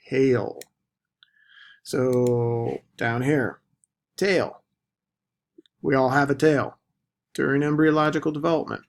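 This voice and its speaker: Slow, gravelly male biology lecturer. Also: medium pitch, a little mellow. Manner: deliberate, stresses key terms. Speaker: biology instructor. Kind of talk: recorded lecture.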